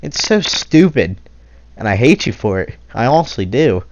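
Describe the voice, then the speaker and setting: A man's voice: medium pitch, sing-song, moderate pace, highs cut off, a little hiss or hum. A young man in an angry commentary rant, indignant and exasperated, sighing often and swearing. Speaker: commentary creator. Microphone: console capture mic.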